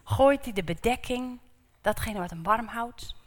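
A woman preacher giving a sermon in a church, animated, asking the congregation rhetorical questions and repeating words for emphasis. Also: on the high side, a little slow. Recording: reverberant church hall.

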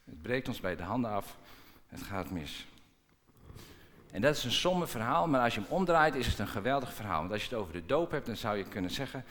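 A man delivers a sermon with lively, dramatic pacing, slipping into different tones as he acts out quoted dialogue. His voice rings out with the long reverb of a large church hall. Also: mid-range voice, brisk. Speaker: preacher.

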